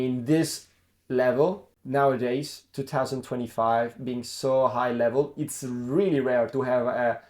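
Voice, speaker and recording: Young adult male, ex-racer vlogging; casual, animated storytelling with frequent self-corrections. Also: medium pitch. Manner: lively anecdote-telling, acts out quoted dialogue. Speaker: former racing driver and karting coach.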